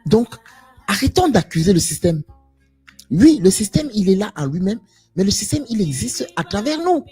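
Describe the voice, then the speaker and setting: On a live stream, a man with a high-sitting, dark, slightly rough voice preaches to viewers in an impassioned monologue, his pitch swinging widely at a normal speed. He's emphatic, repeating phrases and firing off rhetorical questions over soft background music.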